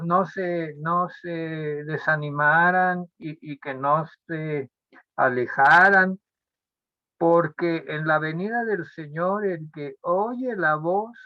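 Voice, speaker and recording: A man preaching a sermon as pastor, speaking deliberately and often repeating phrases or restarting words. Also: on the high side, no room sound. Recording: dull lo-fi sound.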